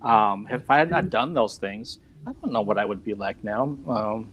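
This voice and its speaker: A fifty-something man rambles through a relaxed video-call conversation, self-deprecating and quick to laugh. His voice is husky and fairly low, delivered at a moderate pace, and the audio has its high frequencies cut off.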